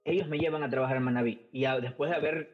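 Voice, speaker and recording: Speaking very fast in a steady, medium-pitched voice, a middle-aged Ecuadorian man with an Ecuadorian Spanish accent tells stories casually as a podcast guest. He's hesitant, full of fillers and repeated words. The lo-fi audio is muffled, with faint music underneath.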